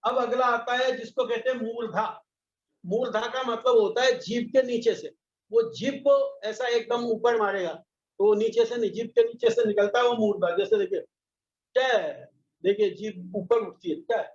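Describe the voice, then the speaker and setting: A man teaching a patient pronunciation lesson, sounding out each syllable slowly. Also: extremely high pitch. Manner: slow, patient, demonstrates each sound aloud. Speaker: Sanskrit teacher. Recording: echoey, slightly dull recording.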